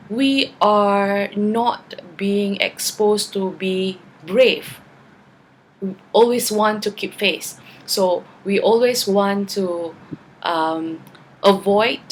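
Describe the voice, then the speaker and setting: A tired vlogger who is not a native English speaker talks to camera in a chatty video response, often ending her points with "okay" and "right?". She has a mid-range voice, and the low-quality recording carries a little hiss or hum.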